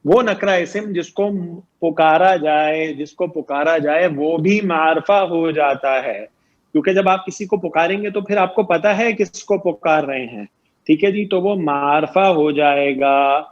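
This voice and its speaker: A man's voice: a little high, muffled recording. A man teaching grammar in an online lecture, explaining patiently, quizzing his students and repeating each point.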